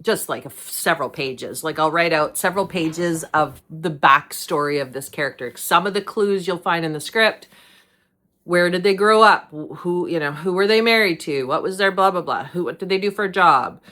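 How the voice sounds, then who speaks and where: Middle-aged woman host, low voice, chatty and rambling, laughs often. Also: moderate pace, pushed and bright. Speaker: podcast host. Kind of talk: casual monologue.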